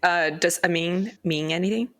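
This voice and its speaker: A man's voice: high voice, moderate pace, fairly bright tone, dry recording, studio quality. A man hosting a podcast, asking friendly, curious questions in casual chat. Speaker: podcast host. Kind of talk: casual interview.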